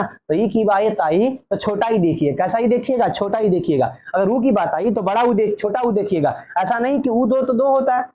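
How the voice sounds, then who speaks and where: A man's voice: high voice, a little mellow. A man teaching a grammar lesson. He asks questions and answers them himself, and he draws out each vowel sound.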